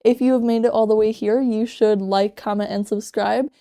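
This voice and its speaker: A woman's voice: a little high, steady tone, normal speed, dark tone, smooth. A woman in her twenties chatting casually to her viewers as a book vlogger, in a loose conversational manner with frequent asides. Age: 20s. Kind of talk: casual chat to camera.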